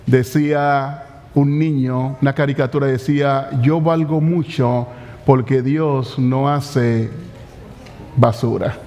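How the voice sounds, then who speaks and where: A male pastor preaching a sermon in a church, impassioned and slowing down to stress key phrases. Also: medium pitch, fairly even intonation, mellow, highs cut off, slight background noise. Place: church sanctuary. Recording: long church hall reverb.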